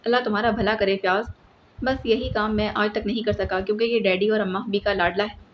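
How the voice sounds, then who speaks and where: A woman's voice: medium pitch, fairly even intonation, natural voice. A woman voicing a sly, playful young man in an audiobook, speaking in a mild, bemused tone. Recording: slightly muffled with faint hiss.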